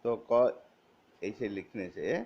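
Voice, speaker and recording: A man teaching Hindi vowel signs to schoolchildren, slowly spelling out each sign and reading word lists aloud one word at a time. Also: fairly low pitch, a little hiss or hum. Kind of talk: Hindi grammar lesson for children. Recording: dull lo-fi recording.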